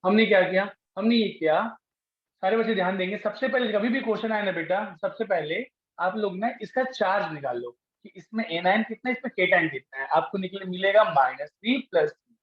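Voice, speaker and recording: A man's voice: high voice, brisk. A male teacher giving a classroom lecture, coaxing students and repeating his questions to them. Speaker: chemistry teacher. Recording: echoey, dull classroom recording.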